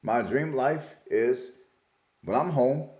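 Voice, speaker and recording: Talking through his life in a relaxed, plain-spoken vlog, this fortysomething man from Alabama has a medium-pitched, darkish voice. He speaks slowly, and his words echo around the room.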